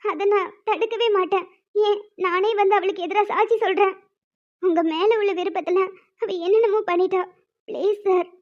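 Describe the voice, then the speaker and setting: A woman's voice: extremely high pitch, steady tone, moderate pace. A woman voicing an anxious young woman who earnestly begs a man for help in a cartoon. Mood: pleading. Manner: earnest, begging. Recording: dull lo-fi recording.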